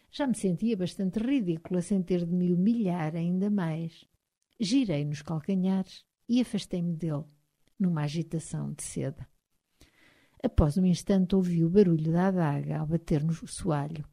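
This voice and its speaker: A woman with a European Portuguese accent narrating a novel in measured tones, sometimes dropping to a hush. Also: fairly low pitch. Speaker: audiobook narrator.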